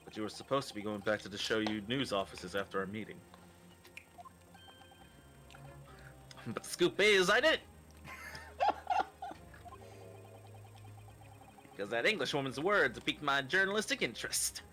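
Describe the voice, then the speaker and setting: A man's voice: mid-range voice, animated, fast talker, over music, voice pushed down, natural voice. Man putting on a brash old-timey Brooklyn reporter. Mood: smug. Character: fast-talking male newspaper reporter, brash.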